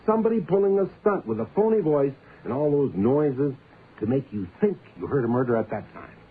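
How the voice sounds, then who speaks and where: A thin, faintly noisy old radio recording of a man acting as a hard-nosed police inspector. He is blunt and skeptical, pressing his points with lively swings in pitch. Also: fairly quick, phone-quality sound, lightly acted. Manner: blunt, insistent, interrogating. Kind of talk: radio detective drama acting.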